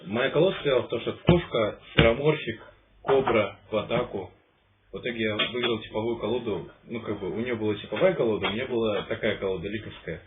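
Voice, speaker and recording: A man's voice: lowish voice, fast talker. A man chatting and telling anecdotes casually as a streamer, stumbling and repeating himself. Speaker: streamer on a card game live stream. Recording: narrow phone-like sound, clear noise, clicks.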